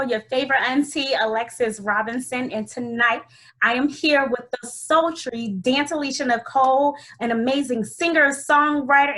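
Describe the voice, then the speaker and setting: A lively woman hosts a casual inspirational talk show and keeps cheering her guest on. Her voice sits a bit high and bright, and she talks with a playful, hype-woman bounce. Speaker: host.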